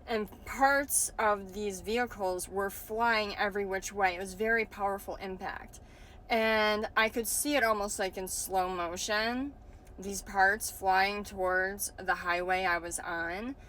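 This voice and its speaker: A woman's voice: mid-range voice, sharp tone, a little hiss or hum. A woman casually recounting a dream in a hesitant way, searching for words and often saying "like". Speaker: vlogger.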